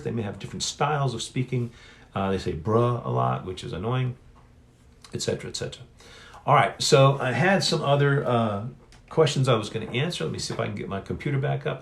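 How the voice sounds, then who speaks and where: On a casual solo livestream Q&A, a middle-aged author talks in a rambling, chatty way, frequently correcting himself. His voice is medium-pitched and gravelly, captured by a phone on a stand.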